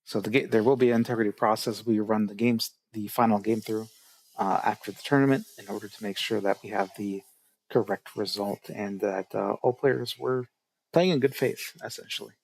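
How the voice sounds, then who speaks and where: A man's voice: fairly low pitch, fairly even intonation, moderate pace. A man casting an online strategy game tournament, explaining rules with many fillers. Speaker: tournament organizer and caster. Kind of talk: casual game commentary.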